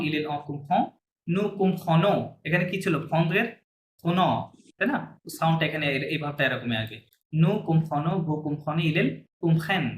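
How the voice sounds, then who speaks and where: Patient male teacher in an echoey room. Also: on the high side. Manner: patient, repeats words for students to copy. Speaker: language teacher. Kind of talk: classroom lesson. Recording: echoey room, faint hiss.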